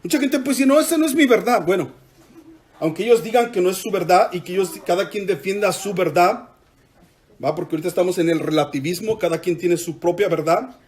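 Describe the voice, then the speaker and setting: A man's voice: high-pitched, brisk, darkish tone. A man preaching a sermon in church, emphatic, drawing the congregation into call-and-response.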